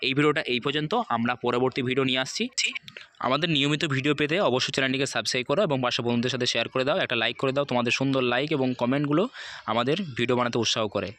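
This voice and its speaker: A man's voice: medium pitch, fairly bright tone. A man teaching English pronunciation, spelling words out letter by letter and repeating each example.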